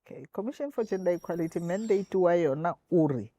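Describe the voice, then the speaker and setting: A woman's voice: fairly low pitch, expressive, fast, warm tone. A woman with a South African Sotho accent, explaining things as an official guest in an interview and switching between languages. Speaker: interview guest, equality commission chairperson.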